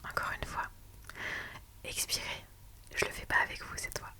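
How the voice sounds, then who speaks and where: In this ASMR client-meeting roleplay, a soft-spoken woman acts as a lawyer, whispering slowly and reassuringly. She keeps things calm with frequent "ok" and "d'accord".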